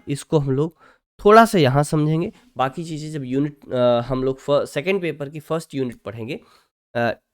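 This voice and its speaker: A patient teacher speaks in an online lecture at a middling pitch. Short check-ins come every few phrases. English terms and verse lines are stretched out slowly, one syllable at a time. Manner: checks in often with short confirming asides.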